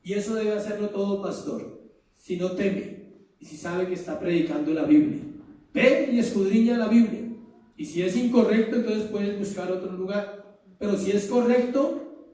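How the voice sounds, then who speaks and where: Pastor, male, high and mellow voice, preaching with rhetorical questions; echoey church recorded from afar. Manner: rhetorical questions to the congregation, dramatic pauses. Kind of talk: sermon. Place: church hall. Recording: echoey church room from far off.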